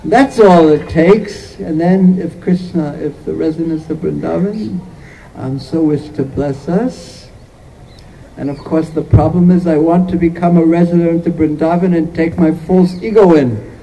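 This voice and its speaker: A man's voice: fairly high pitch, a little slow, creaky, warm tone, a little hiss or hum, low-quality recording. A man preaching a sermon, retelling a sacred story in an earnest way and repeating phrases as he goes.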